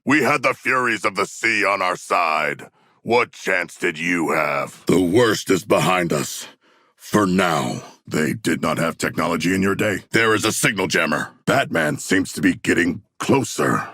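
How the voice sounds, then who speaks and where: King Shark, a gravelly, formal shark-man warrior. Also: sharp tone, no room sound, clean studio sound, heavily acted. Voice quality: deep, gravelly. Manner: formal, stilted, literal phrasing without contractions. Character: King Shark, huge earnest, literal-minded shark-man warrior. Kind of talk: video game character voice lines.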